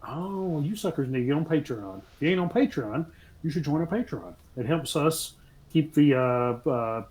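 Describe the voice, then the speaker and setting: A man's voice: on the high side, expressive, normal speed, darkish tone. A man chatting casually as a podcast guest, joking and rambling with plenty of ums. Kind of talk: casual chat.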